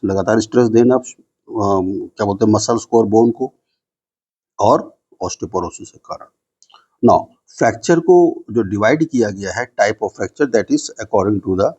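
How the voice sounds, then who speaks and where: Mellow-voiced man teaching a lecture. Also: lowish voice, highs cut off. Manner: explains in Hindi, reads English definitions slowly, asks and answers his own questions. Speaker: nursing teacher. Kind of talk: classroom lecture.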